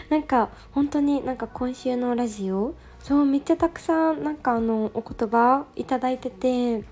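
A young woman hosting a casual solo radio talk, reading listener messages in a soft, gentle way with delighted thanks. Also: sits high, unhurried, soft background music. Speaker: radio show host.

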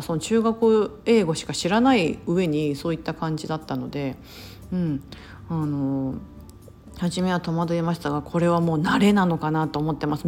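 A woman's voice: low-pitched, a little mellow, a little hiss or hum. A woman from Osaka chatting casually on her podcast, full of fillers and self-corrections. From Osaka, Japan. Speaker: podcast host. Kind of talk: casual solo talk.

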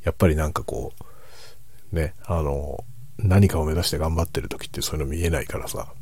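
A middle-aged man chatting casually in a hushed, soft voice, musing reflectively as if for late-night listening. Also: fairly even intonation, slight background noise. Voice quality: husky, breathy low voice. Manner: reflective, musing, unhurried soft-spoken delivery. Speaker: host of a late-night chat for falling asleep.

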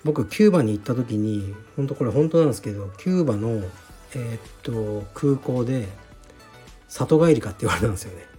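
A man from Fukuoka hosting his own podcast, answering listener letters in a relaxed, frank, offhand way, with many fillers. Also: mid-range voice, fast, faint music behind. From Fukuoka, Japan. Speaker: podcast host, jiu-jitsu gym founder. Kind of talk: casual solo talk answering listener letters.

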